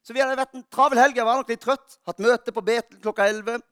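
A male pastor giving an Easter sermon, telling funny stories about himself with lively warmth. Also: extremely high pitch, clear, resonant tone, no echo, studio quality. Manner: lively storytelling, self-mocking humor.

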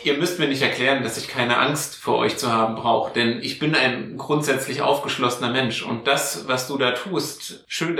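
A man's voice: medium pitch, vocal fry, bright, forceful tone. Echoey man playing his character. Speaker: player. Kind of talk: casual tabletop role-play. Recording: echoey room, distant mic.

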